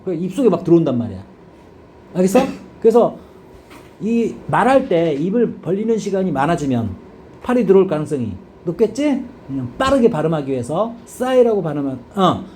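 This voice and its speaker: Korean man teaching english, high lively voice, mellow tone, keeps asking "got it?", faint room hum. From South Korea. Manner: constant checking questions to students. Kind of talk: classroom grammar lecture.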